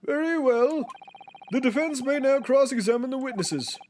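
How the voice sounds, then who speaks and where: Man putting on a high, pompous courtroom judge. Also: animated, moderate pace, darkish tone, a little hiss or hum. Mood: commanding. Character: stately, formal male courtroom judge, stern and puzzled. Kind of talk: theatrical video game character reading.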